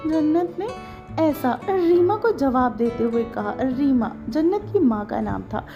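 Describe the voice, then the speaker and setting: High-voiced woman storyteller, gentle and chatty, soft guitar under. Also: expressive, unhurried, muffled recording. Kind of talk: storytelling narration.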